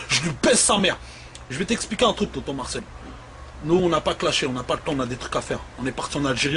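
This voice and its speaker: A man with a high voice hammers out crude, repetitive threats in an angry rant to the camera. He talks as one of the shop's owners. Clear background noise runs through the amateur recording. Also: fairly bright tone. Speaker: shop owner.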